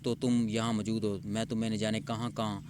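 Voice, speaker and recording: A man voicing a swaggering, bullying thug with gruff, loud outbursts in a story reading. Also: on the low side, flat delivery, noisy background, close to an everyday voice. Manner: gruff, blustering shouts.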